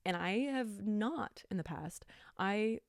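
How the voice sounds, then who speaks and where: A woman hosting a casual Bible study talk, talking fast and chatty with lots of "like", earnest and upbeat. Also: mid-range voice, expressive, creaky, no echo, studio quality. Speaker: podcast host.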